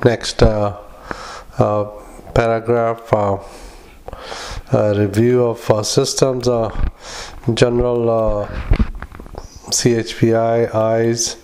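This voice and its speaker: A man doing medical dictation in halting, clipped fragments, speaking punctuation aloud as a clinician recording patient notes. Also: medium pitch, little pitch movement, warm tone, clear, resonant tone. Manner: halting, fragmented clipped phrases with frequent long hesitations.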